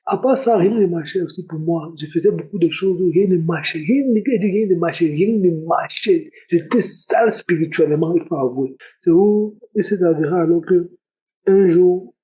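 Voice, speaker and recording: A man's voice: high-pitched, moderate pace, mellow, muffled recording. A young man giving a spoken religious testimony, earnest and repeating his words often. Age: young adult. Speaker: testimony giver.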